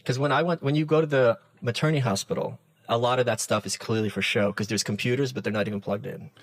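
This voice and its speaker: Animated storytelling man on a dry mic. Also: mid-range voice, fast talker, dry recording, rough recording. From Soviet Union. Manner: animated storyteller who acts out quoted dialogue. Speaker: podcast guest. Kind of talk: casual podcast conversation.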